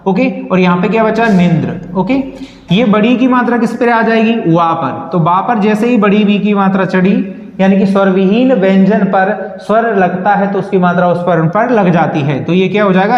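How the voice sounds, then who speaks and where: A man teaching Hindi spelling to students, asking questions and answering them himself, calling them "beta". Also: sits high. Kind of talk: classroom lesson with call-and-response questions. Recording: echoey room, slightly dull sound.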